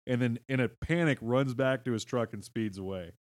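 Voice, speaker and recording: A man with a medium-pitched voice and moderate pace hosts a comedy podcast, telling folklore stories full of swearing and laughter. He's an animated storyteller in a casual, comedic mode, and the recording is dry.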